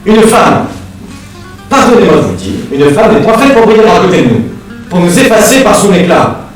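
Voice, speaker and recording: A condescending, old-fashioned gentleman, played by a man lectures in a high, very lively, stagey voice. The echo is heavy and he sounds far from the mic. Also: moderate pace. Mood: lecturing. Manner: lecturing, theatrical. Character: condescending traditionalist gentleman suitor. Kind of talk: stage theatre acting. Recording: echoey stage from a distance with music.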